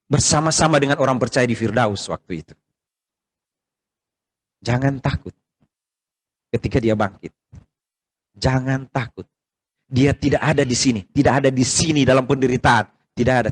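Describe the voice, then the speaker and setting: A middle-aged man with an Indonesian accent preaching a sermon to his congregation in a conversational way, full of rhetorical questions. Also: medium pitch. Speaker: pastor. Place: church service, streamed by video call.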